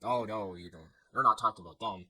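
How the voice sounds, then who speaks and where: A man with a fairly low, bright and forceful voice rambles through casual political reaction commentary. He is sarcastic and punches words with sudden loud emphasis. He is from Canada. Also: quick pace.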